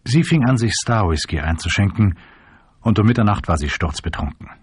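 A man narrating an audiobook in a measured storytelling manner. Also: on the low side, expressive, husky, no echo, clean studio sound.

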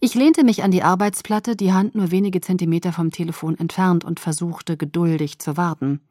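A woman narrating a first-person story in a calm, measured audiobook reading. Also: lowish voice, dry recording, studio quality.

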